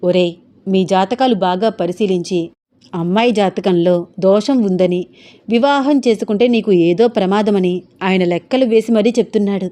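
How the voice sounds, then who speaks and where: A woman's voice: mid-range voice, normal speed, warm tone, natural voice. A woman voicing a bossy older aunt who commands and explains family matters in a storybook reading. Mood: commanding.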